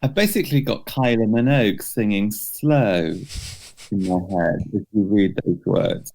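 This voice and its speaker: Co-hosting a podcast recorded remotely, a man talks unhurriedly in a lowish, creaky voice with a darkish tone. He keeps the conversation casual and asks plenty of questions.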